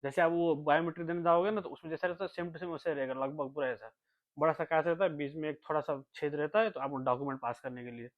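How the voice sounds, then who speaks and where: A man's voice: a little high, fairly even intonation, quick pace. A young man from Nepal telling a long, rambling story in a casual vlog, repeating himself and dropping his voice when he quotes others. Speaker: vlogger. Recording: tinny phone-like sound.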